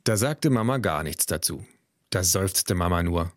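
A man narrates a children's audiobook with playful, somewhat exaggerated storytelling. His voice sits on the low side, and the recording is dry and close. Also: lively intonation, a little slow, no room sound. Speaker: author reading his stories.

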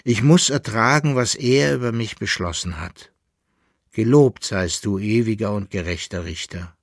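A man reading an audiobook, voicing a pious condemned man who prays in a low, solemn voice and then cries out shrill and loud. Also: normal speed, no room sound, studio quality. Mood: solemn prayer.

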